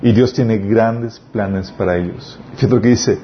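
A man's voice: on the low side, measured pace. A man preaching a sermon and reading scripture aloud, earnest, with restarted words and emphatic peaks. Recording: dull lo-fi recording with faint noise.

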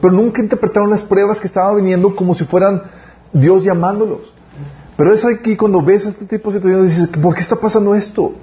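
A man giving a casual sermon as youth pastor, full of restarts and slowed emphatic phrases. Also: high voice, steady tone, muffled recording. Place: church.

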